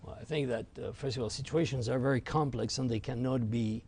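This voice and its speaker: A man from Argentina whose first language is French, a rabbi recounting his experiences at an unhurried pace as an interview guest. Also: mid-range voice, a little mellow, breathy edge. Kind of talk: reflective storytelling.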